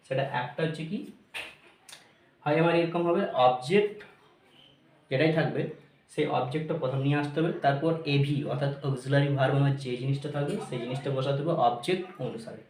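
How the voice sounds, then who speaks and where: A man teaching grammar, mixing English phrases into his explanations, repeating each point and checking whether his students are clear. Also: a little high, reverberant, a little hiss or hum.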